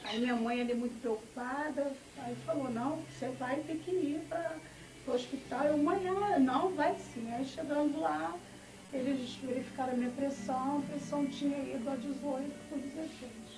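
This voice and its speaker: A woman's voice: high voice, steady tone, moderate pace. A middle-aged woman giving a personal testimony, telling her story with quoted family dialogue. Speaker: church testimony speaker. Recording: echoey, from far off, music behind.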